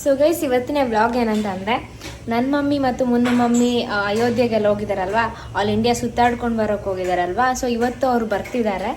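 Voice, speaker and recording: Lively woman vlogger, slightly high voice. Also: fast talker, music in the background. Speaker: vlogger co-host. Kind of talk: casual vlog chat.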